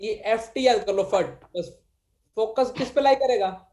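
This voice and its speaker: Indian male maths tutor, bright higher voice, addresses students as beta, dictates slowly. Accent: Indian English mixed with Hindi. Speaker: maths teacher. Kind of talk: live online class lecture.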